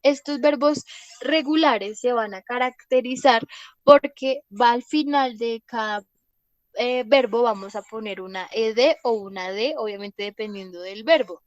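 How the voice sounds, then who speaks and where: Patient young woman teacher, fairly high voice. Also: measured pace, no echo, lo-fi sound. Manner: patient and explanatory, often checking in with "¿listo?". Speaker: English teacher. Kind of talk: explaining grammar in a class lecture.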